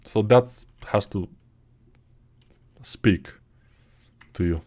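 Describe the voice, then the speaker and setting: A man with a Bulgarian accent, a 3D art instructor, talks very slowly in a lowish, slightly mellow voice. He's teaching 3D modeling on a live stream, casually answering viewer questions with plenty of fillers and restarts.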